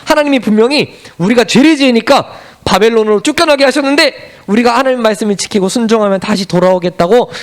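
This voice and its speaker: A man giving a children's sermon, telling a Bible story with lively narration and asking the children questions as he goes. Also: high-pitched. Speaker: children's pastor.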